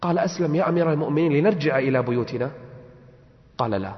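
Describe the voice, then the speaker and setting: A man's voice: on the high side, rapid-fire. Man, storytelling sermon, dramatic swings, muffled lo-fi sound. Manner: dramatic, swings between loud exclaiming and hushed asides. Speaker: preacher. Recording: dull sound with long hall reverb.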